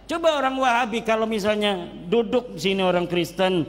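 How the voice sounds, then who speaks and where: A man speaks in a high, bright register as he gives a religious lecture. He is lively and jokes often, mixing local Sundanese and Javanese words into his talk. His voice carries a long, echoing hall reverb. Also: moderate pace. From Banten, Indonesia. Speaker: Islamic cleric speaker.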